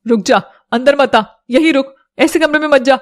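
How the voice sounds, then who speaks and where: A woman's voice: high-pitched, moderate pace, close to an everyday voice. A woman voicing a cruel, taunting stepmother in a storybook drama, with a harsh, cackling manner. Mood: scolding. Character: cruel, gloating adult stepmother.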